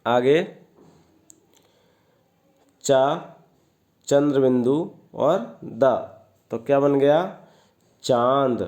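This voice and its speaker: Slow, patient man teaching children. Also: mid-range voice, darkish tone. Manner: slow, patient, repeats questions and answers. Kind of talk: worksheet lesson for children.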